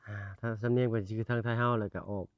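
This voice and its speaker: A man with an Isan accent talks his way through a village in a casual, chatty vlog, often turning to his viewers as brothers and sisters and apologizing politely. His voice sits at a middle pitch. It is heard from some distance off the mic, with a dry sound and no room echo. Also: little pitch movement, racing, clean tone, highs cut off. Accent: northeastern Thai (Isan). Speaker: vlogger. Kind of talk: casual vlog narration while walking. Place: outdoors in a village.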